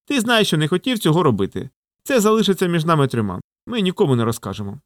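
A man's voice: a little high, very animated, quick pace, no room sound, clean studio sound, voice pushed up. A man voicing a cunning male wolf in a storybook, with a silky, coaxing manner. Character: sly smooth-talking male wolf, cunning.

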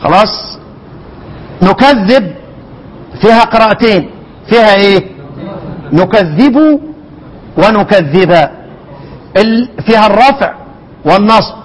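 High-voiced Egyptian teacher quizzing listeners. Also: male voice, rough recording. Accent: Egyptian Arabic. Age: older. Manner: repeats words slowly, quizzes listeners with questions. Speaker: teacher of Quran recitation. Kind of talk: explaining a recitation poem line by line.

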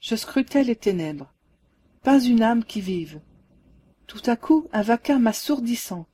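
A woman reading a ghost story aloud as a calm, measured narrator. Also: mid-range voice, breathy edge. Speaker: audiobook reader. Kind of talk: scripted narration.

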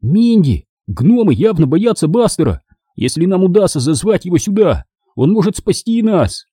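A man voicing a panicky boy who pleads and shouts excitedly. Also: high voice, normal speed, husky, no echo, studio quality, pitched above the performer's own voice, full character voice. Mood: desperate pleading.

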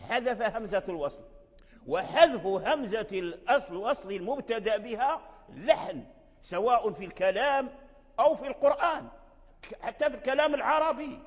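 An older man with a Moroccan accent teaching Quran recitation rules, repeating phrases and chanting verses slowly. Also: extremely high pitch, big-room sound. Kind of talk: recorded religious lesson.

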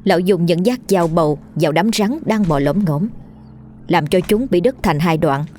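A woman narrating a horror story in a steady storytelling manner. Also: fairly low pitch, moderate pace, slight background noise.

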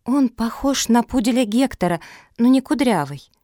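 A woman voicing the youngest puppy sister, a small excitable girl who is eager and easily frightened, in a storybook reading. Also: a little high, moderate pace, no echo, clean studio sound, voice pushed up, close to an everyday voice.

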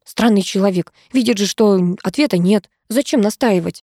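A woman's voice: medium pitch, moderate pace, warm tone, dry recording, natural voice. A woman voicing a sarcastic female companion who speaks in a dry, matter-of-fact way.

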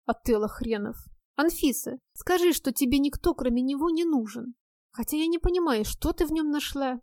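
A woman's voice: sits high, animated, normal speed, a little mellow, no room sound, clean studio sound. A woman reading an audiobook, voicing a blunt, sarcastic female friend who grumbles and mocks. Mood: mocking.

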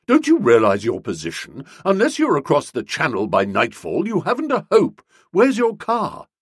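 In an audiobook, a man performs a flustered, pompous young English gentleman writer who is wordy and self-justifying and uses affectionate upper-class slang. His mid-range voice swings hugely in pitch at a measured pace, slightly rough and heavily acted, with a stern, disapproving mood. The studio-quality recording has no echo.

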